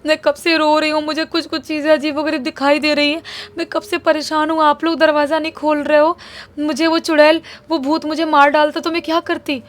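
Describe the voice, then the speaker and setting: A woman's voice: high-pitched, steady tone, normal speed, hardly any pauses, pitched above the performer's own voice, natural voice. A woman voicing a frightened young girl who pleads tearfully about a ghost. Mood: panicked.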